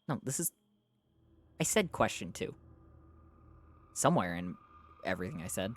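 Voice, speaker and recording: A streamer reading a novel aloud live, trading exasperated retorts with chat between passages and dropping lower and slower for the narration. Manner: argues back at chat in exasperated bursts.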